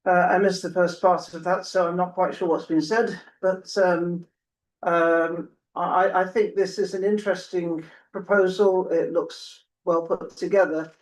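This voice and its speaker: A male councillor weighs up a proposal in a committee meeting, measured and slightly apologetic. His voice is a little high, and he sounds set back from the microphone. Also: flat delivery, distant mic. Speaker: town councillor.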